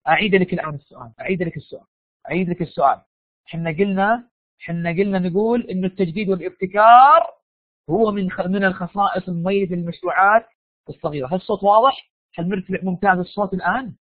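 Speaking very fast in a high-pitched voice, a sick Saudi university lecturer with a sore throat quizzes students during a live online class. His Saudi Arabian accent comes through as he animatedly coaxes them with questions, and the recording is dry and phone-like.

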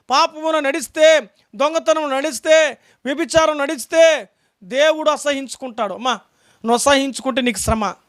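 A man's voice: very high-pitched, fairly bright tone. A man preaching a sermon as pastor, emphatic, with repeated rhetorical questions. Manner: calls out lines for a reader to read aloud.

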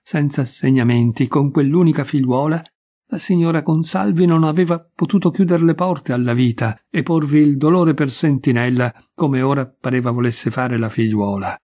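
A man reading a classic short story aloud in a measured, expressive narration. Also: mid-range voice. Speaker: audiobook reader. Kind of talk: literary narration.

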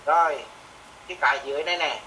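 A man, a music teacher, walking a student through notation software step by step, repeating each instruction patiently. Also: fairly high pitch, fast talker, a little hiss or hum, low-quality recording. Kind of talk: remote software lesson.

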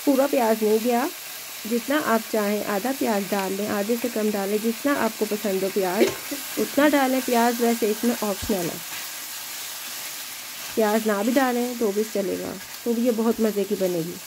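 A woman's voice: a little high, moderate pace, noisy background. A woman hosting a home cooking video, chatting in an encouraging way as she cooks in her kitchen. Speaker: home cooking channel host. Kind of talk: casual cooking demonstration.

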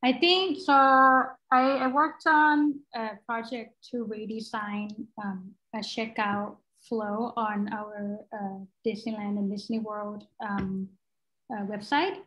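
This young guest from Thailand, a product designer, takes her time answering questions casually on a video call via laptop mic. Her slightly high voice is steady and fairly bright, and she thinks aloud with fillers and restarts, though the recording quality is low.

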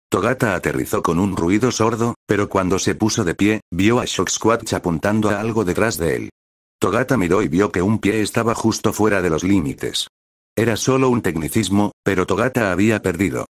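A man reading a fanfiction story aloud in an even, unhurried manner. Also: deep voice, dry recording, clean studio sound. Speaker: fanfiction reader. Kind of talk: read-aloud narration.

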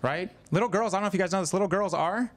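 Brief: stand-up comic in his thirties, slightly high voice, chatty and self-mocking. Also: racing. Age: 30s. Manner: chatty, self-deprecating, acts out quoted voices. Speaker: stand-up comedian. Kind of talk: stand-up comedy set. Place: live comedy venue with audience.

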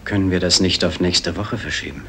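A man's voice: low voice, a little fast, vocal fry, sharp tone, heavily acted. An actor in his forties playing a troubled entertainer in a film drama, anxious and strained, insisting again and again. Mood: uneasy. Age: 40s. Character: troubled middle-aged male entertainer, anxious, insisting he is fine. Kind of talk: naturalistic film acting.

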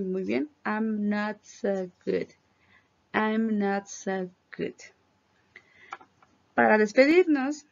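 Female English teacher, gravelly edge, clear patient drills, dull lo-fi audio. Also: mid-range voice. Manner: explains in Spanish, models English phrases slowly and clearly. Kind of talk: classroom pronunciation lesson. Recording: dull lo-fi recording.

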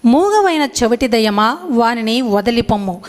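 A woman reading a scripture passage aloud in a steady, formal way. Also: on the high side, moderate pace. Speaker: scripture reader. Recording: long hall reverb.

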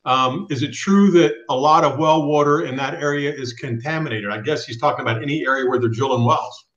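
A man's voice: mid-range voice, a little fast, a bit bright. A middle-aged man runs a live video chat from a small room at home, speaking firmly and directly. His webcam sound is roomy and a little dull. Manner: firm, direct, reads viewer questions aloud. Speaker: host of a live trucking channel. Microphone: webcam on a video call.

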